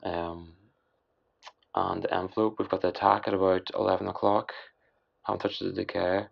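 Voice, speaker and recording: A man giving a casual, unscripted software tutorial in a tired, hoarse voice with a breathy rasp, halting and mumbling as he goes. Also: low voice, little pitch movement. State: hoarse, worn-out late-night voice. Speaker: music production tutorial host. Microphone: voice-over on screen recording. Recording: dull, lo-fi voice-over.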